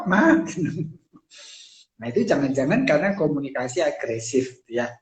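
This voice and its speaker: A man talks through his subject in a relaxed, explaining way, dotting his sentences with fillers and slipping into quick acted-out examples. His voice sits a little high for a man. The room around him rings with echo. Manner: conversational, many fillers, acts out quoted lines. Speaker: psychology speaker. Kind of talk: casual explanatory talk on a live stream.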